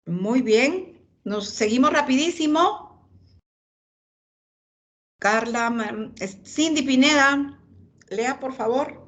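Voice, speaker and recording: A woman's voice: high voice, takes it slowly, long pauses. A woman lecturing anatomy, pointing out images and calling on students by name.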